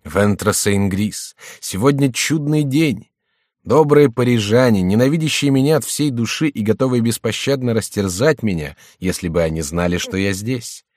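A man's voice: lowish voice, lively intonation, moderate pace, darkish tone, dry recording, clean studio sound. A man voicing an amorous young king, effusive and declamatory, in an audiobook reading. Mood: elated. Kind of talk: audiobook character voice.

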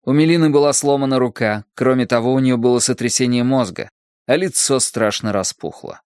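A man narrating an audiobook novel in a measured, dramatic reading. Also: mid-range voice, a little mellow, smooth, no echo, studio quality. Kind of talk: scripted narration.

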